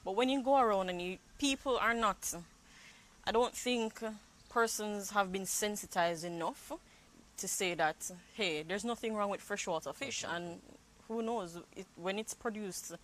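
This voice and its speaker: Woman, 30s, fisheries manager, measured, outdoor panel. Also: medium pitch, a bit bright, slight background noise, poor audio. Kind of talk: panel discussion. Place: outdoor garden set. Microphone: lapel.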